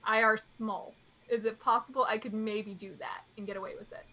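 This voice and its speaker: Woman player, polite and unsure, bright crisp voice, a bit high. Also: fairly even intonation, brisk, poor audio. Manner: polite, tentative questions. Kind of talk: casual tabletop play.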